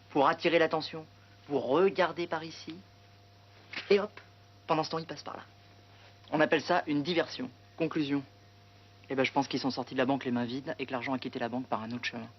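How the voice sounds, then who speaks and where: An actor playing a nervous, fast-talking, whiny cop in film dialogue. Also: male voice, fairly high pitch, steady tone, natural voice. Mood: earnest. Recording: dull film soundtrack with noise.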